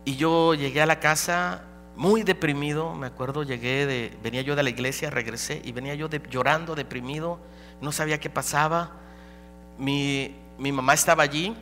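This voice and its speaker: Pastor preaching in a bright, ringing hall. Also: male voice, a little high, steady tone, moderate pace, soft background music. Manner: dramatic storytelling, swings between loud and hushed. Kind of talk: sermon testimony. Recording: live hall recording with reverb and hum.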